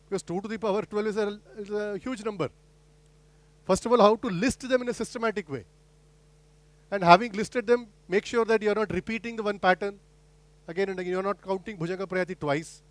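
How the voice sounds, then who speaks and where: A man's voice: high-pitched, no echo. A middle-aged man giving an academic lecture, explaining step by step with rhetorical questions and frequent restarts. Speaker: guest lecturer.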